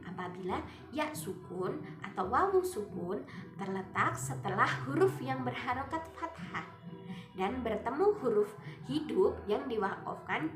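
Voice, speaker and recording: A woman, a student, explaining recitation rules step by step and drawing out the example words slowly. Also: mid-range voice. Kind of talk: recited tajwid lesson with Quran examples. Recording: echoey room, faint music behind.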